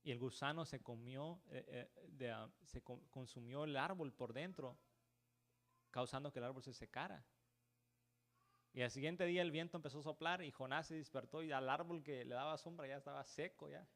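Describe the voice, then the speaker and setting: A man's voice: medium pitch, moderate pace, a bit bright. A man preaching a church sermon who keeps calling the listeners "brother" and asking "right?", often restarting words and mixing in English words. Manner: peppers talk with "hermano" and "¿verdad?".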